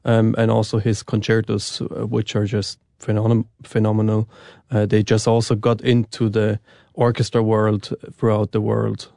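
Flat-toned man. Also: lowish voice, moderate pace, creaky, dry recording, studio quality. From Switzerland. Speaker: percussionist and interview guest. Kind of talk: interview answers.

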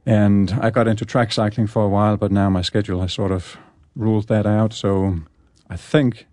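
A man speaks English in a low, mellow voice. He chats easily as an interview guest and often repeats words as he goes. The sound is close and dry. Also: level tone, normal speed, no room sound. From Denmark. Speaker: guest, orchestral percussionist. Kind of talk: casual radio interview chat.

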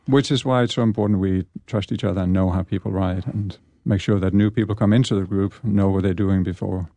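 A man speaks English in a low, mellow voice. He chats easily as an interview guest and often repeats words as he goes. The sound is close and dry. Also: fairly even intonation, brisk, no room sound. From Denmark. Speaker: guest, orchestral percussionist. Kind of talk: casual radio interview chat.

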